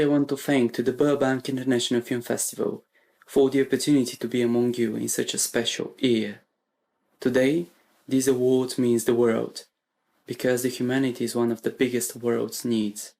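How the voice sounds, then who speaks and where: Man, acceptance speech, gravelly, monotone, earnest. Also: mid-range voice. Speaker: award winner giving speech.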